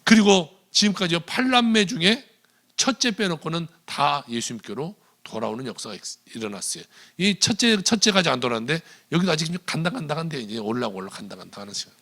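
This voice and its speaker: A male pastor preaching a sermon in a church, retelling a story with animated delivery and quoted dialogue. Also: a little high, quick pace. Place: church sanctuary.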